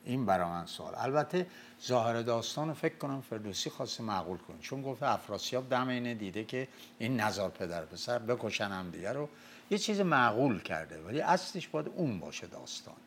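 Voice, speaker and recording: An older storyteller from Mazandaran, Iran, discusses the Shahnameh in a relaxed, lecture-style talk, telling and explaining its epic tales. He recites verse slowly and loudly before returning to plain speech. His voice is mid-range, with a little hiss or hum in the recording.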